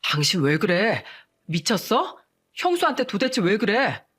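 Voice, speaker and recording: A woman's voice: fairly low pitch, slow pace, a bit bright. A woman voicing a young married man who scolds his wife and apologizes to his older brother, earnest and apologetic. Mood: exasperated.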